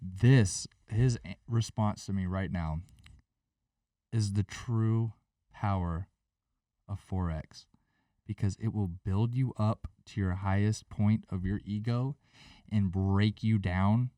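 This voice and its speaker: A man's voice: on the low side, slow pace, mellow, dry recording, distant mic. A man co-hosting a trading podcast, speaking earnestly and giving the listeners advice. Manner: earnest, preachy, addresses the audience. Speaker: podcast co-host. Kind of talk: podcast conversation.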